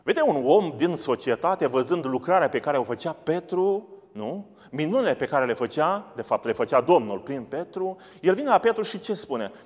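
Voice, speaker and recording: A man's voice: a little high, big pitch swings, few pauses, darkish tone, big-room sound. A man preaching a sermon, asking and answering his own questions as he goes. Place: church studio.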